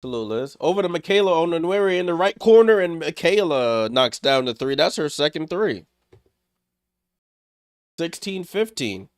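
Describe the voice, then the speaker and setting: Calling the game in quick, clipped bursts, a man chats with viewers on his live watchalong stream despite being a little sick and stuffed up. His voice is fairly high, clear and resonant, with lively intonation and a moderate pace. It's a clean studio recording with no echo.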